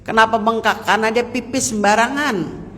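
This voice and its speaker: A man's voice: sits high, moderate pace, a bit bright, a little hiss or hum. A man giving a folksy sermon to a women's study group in a mosque, speaking directly to his listeners. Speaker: preacher. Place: large mosque hall. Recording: long reverb of a mosque hall.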